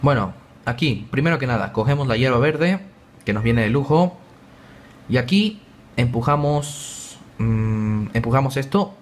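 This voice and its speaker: Young man, let's play commentary, excitable and joking, mid pitch, faint hiss. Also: measured pace. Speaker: gaming YouTuber.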